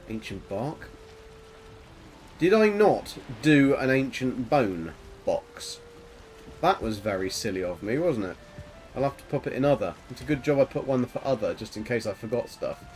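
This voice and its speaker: A game streamer with a soft, medium-pitched voice chats casually with viewers during relaxed live gameplay, muttering to himself as he plays. A little hiss or hum sits under the audio.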